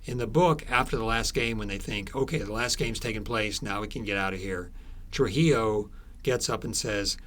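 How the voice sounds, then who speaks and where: Being interviewed as an author, a man tells stories conversationally but haltingly, repeating words and drifting into asides. His voice is lowish with a slightly bright quality.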